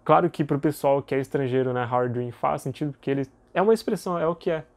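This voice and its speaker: A young man explains English vocabulary in a casual video lesson. He talks in a loose, conversational way, leaning on fillers and tag questions. His voice sits a little higher than most men's. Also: fast. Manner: relaxed, chatty, many fillers and tag questions. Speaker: English teacher.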